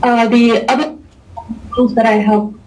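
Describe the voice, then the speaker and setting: A woman's voice: a little high, little pitch movement, measured pace, darkish tone, a little hiss or hum. A woman guest speaking casually with many fillers over an internet video call whose audio keeps breaking up. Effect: choppy, breaking-up internet call audio. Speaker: guest activist. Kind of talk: casual explanatory talk. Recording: distant video call sound.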